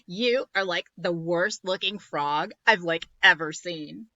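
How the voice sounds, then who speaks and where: Woman doing a ditzy valley-girl fairy godmother, airy, bright, storybook. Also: lowish voice, takes it slowly, dry recording, lo-fi sound, full character voice. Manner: filler-heavy, airy, careless.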